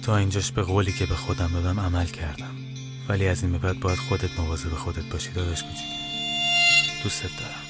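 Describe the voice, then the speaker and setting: A man's voice: deep voice, wildly swooping pitch, over loud music. A man voicing a dying young woman, an elder sister who speaks faintly in a choked voice in a storybook podcast. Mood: tender, fading.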